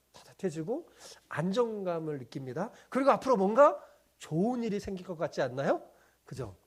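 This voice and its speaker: A high-voiced male pastor preaching with a lively, swooping delivery. He poses question after question to his listeners and answers them himself. He keeps pulling the room along with little checking-in tags. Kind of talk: sermon.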